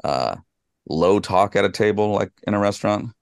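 Deep, gravelly man chatting loosely. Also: animated, normal speed, no room sound, clean studio sound. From California. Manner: rambling, many fillers and restarts. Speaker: podcast co-host. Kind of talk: casual chat.

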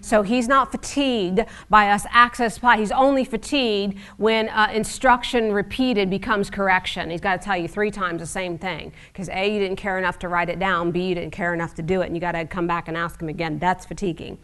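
A woman's voice: mid-range voice, fairly even intonation, a little fast, hardly any pauses, a bit bright, clean tone. A middle-aged woman preaching a sermon in a conversational, wry teaching manner with frequent asides.

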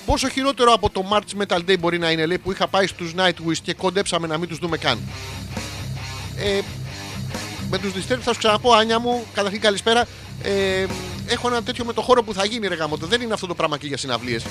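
Male radio host with a high voice, rambling and vulgar, with guitar music clearly audible behind him. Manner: rambling, vulgar, mock-storytelling with sudden voice jumps. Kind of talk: crude comic monologue, reading listener comments.

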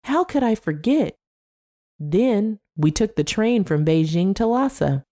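A woman's voice: medium pitch, lively intonation, a little slow, mellow, pitched above the performer's own voice, natural voice. Brief: old veteran, dry and grumbling, read by a woman storyteller. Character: older man, war veteran in a wheelchair, gruff.

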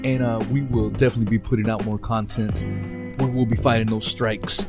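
A man's voice: lowish voice, steady tone, brisk. A man co-hosting a podcast, chatting casually in loose, profane, laughing banter. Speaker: podcast co-host. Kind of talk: casual chat. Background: guitar music.

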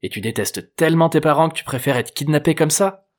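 A man's voice: fairly high pitch, fairly quick, voice pushed up, lightly acted. A man reading an audiobook voices an awkward middle-aged man who hesitates and stammers. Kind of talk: audiobook character voice.

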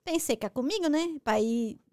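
Animated high-voiced Brazilian woman. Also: normal speed, dry recording, clean studio sound. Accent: Brazilian Portuguese. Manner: animated storyteller with frequent restarts. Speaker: guest. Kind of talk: casual talk show conversation.

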